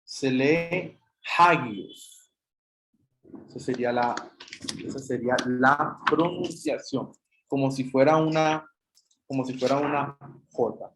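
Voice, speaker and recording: A man's voice: medium pitch, steady tone, measured pace, roomy sound, slight background noise, poor audio. A man teaching an online Greek class, explaining patiently step by step and addressing students as brothers, with a Chilean Spanish accent.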